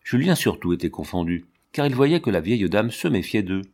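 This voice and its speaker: A man reads a storybook aloud at a measured, even pace. His voice sits somewhat low, and he keeps the narration calm and steady. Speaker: audiobook reader.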